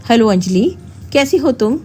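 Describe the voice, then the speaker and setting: A woman's voice: fairly high pitch, animated, normal speed, darkish tone, soft background music, close to an everyday voice. A woman voicing an earnest young husband who talks in a pleading way, in a storybook tale.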